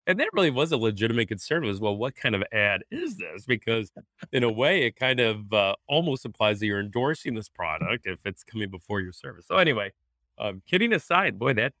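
A man's voice: mid-range voice, pushed and bright, no room sound, clean studio sound. A man, a pastor co-hosting a casual faith podcast, talking in an easygoing way and laughing often. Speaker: pastor, co-host. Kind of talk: casual chat on faith topics.

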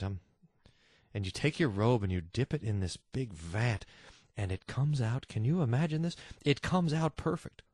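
A man preaching a sermon, reading scripture aloud and explaining it with vivid imagery, repeating key phrases and slowing down for emphasis. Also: mid-range voice, no room sound. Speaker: pastor.

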